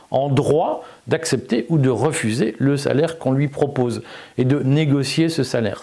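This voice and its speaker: A man's voice: mid-range voice, dark tone. A man giving an unscripted video commentary, argumentative and emphatic, with frequent fillers and repeated words. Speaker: political commentator.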